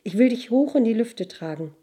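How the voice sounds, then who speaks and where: Woman voicing a calm, low evil spirit. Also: moderate pace, husky.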